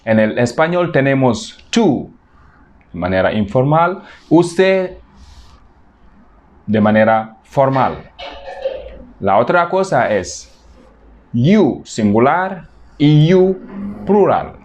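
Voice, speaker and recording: A man's voice: fairly high pitch, big pitch swings, slow pace, a little mellow. A man teaching English pronouns to Spanish speakers, repeating each word several times to model the pronunciation. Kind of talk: language lesson for Spanish speakers.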